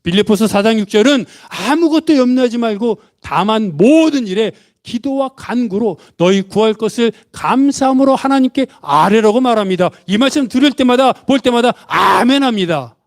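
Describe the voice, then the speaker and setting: Male pastor, high-pitched, lively sermon, voices the characters he quotes. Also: moderate pace, few pauses. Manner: asks the congregation questions and has them repeat after him; acts out the father's and son's words in quotes. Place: church.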